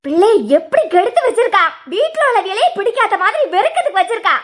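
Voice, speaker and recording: A performer voicing a harsh, scheming mother-in-law in a cartoon series, scolding in a sharp-tongued way with a Kanyakumari Tamil accent. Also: very high voice, sing-song, fast talker, exaggerated voice.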